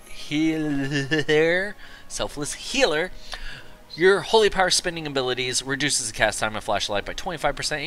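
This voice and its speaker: A young man giving a casual, rambling game guide commentary, excited and tired after work. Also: medium pitch, a little hiss or hum. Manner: excited, rambling, quick asides. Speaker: gaming video creator.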